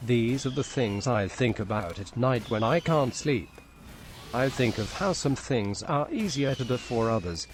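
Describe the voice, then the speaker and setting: Computer-voiced male narrator: text-to-speech, flat machine delivery, faint hiss behind. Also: medium pitch. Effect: synthetic text-to-speech computer voice. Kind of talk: reading a written story aloud.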